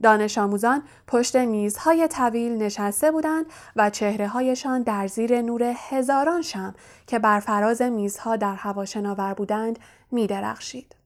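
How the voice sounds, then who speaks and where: A woman reading an audiobook as narrator in calm, even storytelling. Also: fairly high pitch. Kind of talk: scripted narration.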